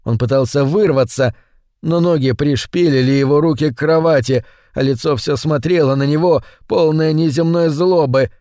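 A man narrating a scripted horror story in a measured, suspenseful way. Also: a little high, warm tone, dry recording, studio quality.

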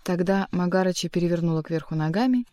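Audiobook narrator: woman, mellow and dark-toned, dry close recording, measured delivery. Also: lowish voice, dry recording. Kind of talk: scripted narration.

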